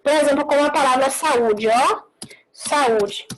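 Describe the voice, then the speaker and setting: A woman teacher giving a live online class, explaining slowly, repeating words and checking with short tag questions. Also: high voice, rough recording.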